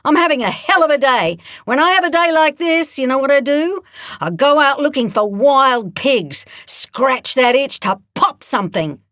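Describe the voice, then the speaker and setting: A woman's voice: high voice, animated, moderate pace, a bit bright, no room sound, studio quality, pitched above the performer's own voice. A woman playing a brash, menacing female cop. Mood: mocking. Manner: mocking, threatening.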